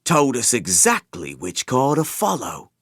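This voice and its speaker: A man's voice: medium pitch, wildly swooping pitch, measured pace, fairly bright tone, dry recording, voice pushed up, full character voice. A man voicing a cold male gang boss in an audiobook, speaking in a dry, unimpressed tone.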